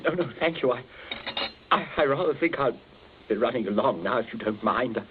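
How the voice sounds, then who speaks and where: An actor playing a frightened, stammering sea captain in a 1940s radio drama. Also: male voice, on the high side, sing-song, normal speed. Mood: shaken. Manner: stammering, fearful, pleading. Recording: tinny lo-fi archive radio with faint hiss.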